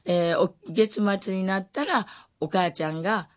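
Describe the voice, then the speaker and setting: A woman in her sixties with a Kansai accent, gently telling a personal memory with wry asides. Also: medium pitch, normal speed. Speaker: storyteller. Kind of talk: spoken personal memoir.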